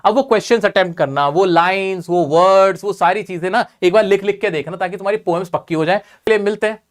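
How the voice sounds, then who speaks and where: A man's voice: sits high, fast talker. A man teaching an exam-prep class, repeating key points and quizzing his students.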